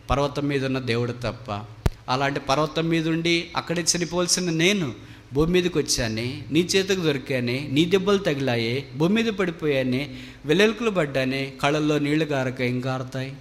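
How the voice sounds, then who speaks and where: A man's voice: fairly high pitch, moderate pace, lightly acted. A man preaching in a sermon, voicing a dying male eagle king who laments in repeated mournful phrases, his words ringing in a long hall reverb. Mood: sorrowful.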